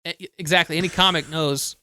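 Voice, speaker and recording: A man in his thirties, co-hosting a podcast in casual chat, telling stories quickly and animatedly. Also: fairly high pitch, steady tone, pushed and bright. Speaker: podcast co-host.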